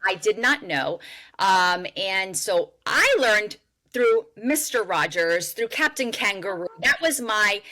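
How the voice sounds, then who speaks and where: A woman's voice: mid-range voice, animated, slow. A middle-aged woman hosting a casual interview, affirming her guest often as she talks. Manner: warm affirming, frequent agreement. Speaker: podcast host.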